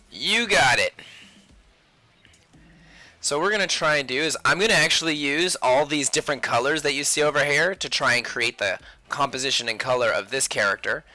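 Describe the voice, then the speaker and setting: In a pushed, bright, mid-range voice, a sketch artist hosting a casual drawing livestream banters playfully with his viewers. He also talks to himself as he works.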